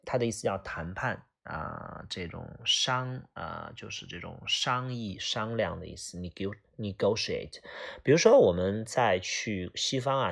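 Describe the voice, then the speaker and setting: Male English teacher, casual vocab lecture; husky, gravelly voice, self-correcting, keeps saying "OK". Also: deep voice. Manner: peppers speech with "OK啊", corrects himself, gives example sentences.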